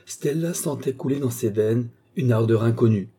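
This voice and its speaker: A man narrating a literary novel, reading in a measured, expressive way. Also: medium pitch, slightly rough. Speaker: audiobook reader.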